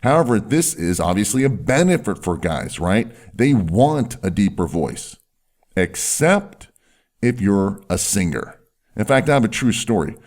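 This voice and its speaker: A man with a deep, firm voice presenting instructional advice in an emphatic way, stretching key words and often checking in with short tag questions. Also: sing-song, a little slow, a little mellow. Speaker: presenter giving voice and health advice. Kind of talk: instructional talk to camera or listener, salesy explainer.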